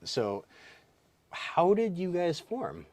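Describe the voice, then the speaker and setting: A man hosting a casual interview, chatty and often cutting in with quick questions and backchannels. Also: high voice, wildly swooping pitch, darkish tone, dry recording. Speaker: host.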